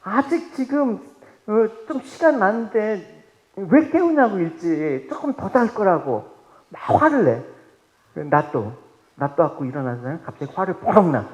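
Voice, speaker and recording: A male pastor preaching a sermon, animated, firing rhetorical questions at the congregation and swinging between loud and hushed. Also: sits high, rough recording.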